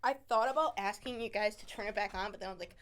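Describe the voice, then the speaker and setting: A woman co-hosting a podcast, chatting casually with friends, animated and laughing often. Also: medium pitch, quick pace. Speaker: podcast co-host. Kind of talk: casual chat among friends.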